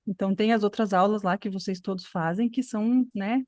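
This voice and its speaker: A woman's voice: medium pitch, fairly quick, a little mellow, no echo. Encouraging woman teacher, dry close sound. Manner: explanatory, encouraging, many filler tags. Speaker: English teacher. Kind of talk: online class discussion.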